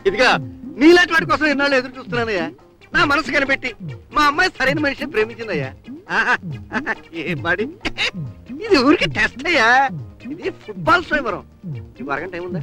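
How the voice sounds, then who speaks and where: A greedy, scheming father in an old comic film. His voice is very high, bright and quick, and he wheedles and plots as he talks. Faint music runs underneath. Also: very animated, full character voice. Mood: sly. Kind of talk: 1980s film dialogue.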